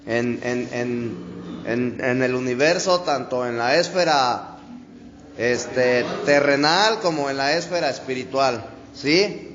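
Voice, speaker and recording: A man preaching a sermon in a conversational way, often calling the listener "brother" and checking "¿sí?", and drawing out key words slowly. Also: mid-range voice, a bit bright, reverberant, long reverb tail, dull audio, a little hiss or hum. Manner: slow, drawn-out stresses on key words. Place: church hall.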